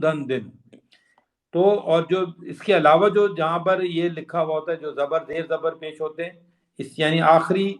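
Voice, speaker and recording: Male Quran teacher, slightly high-pitched, repeats word endings slowly to demonstrate, explains grammar patiently. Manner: mixes English terms into Urdu explanation.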